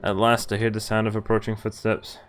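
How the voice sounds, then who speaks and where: A lowish, clean-toned voice, monotone and a little fast, reads out lines from a visual novel during a stream. The man reacts casually, joking and swearing at times, while game music plays underneath.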